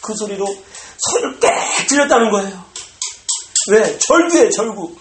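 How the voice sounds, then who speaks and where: A pastor delivering a sermon, animated and bursting into loud exclamations, recorded in a church sanctuary. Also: medium pitch, measured pace. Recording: echoey room with faint noise.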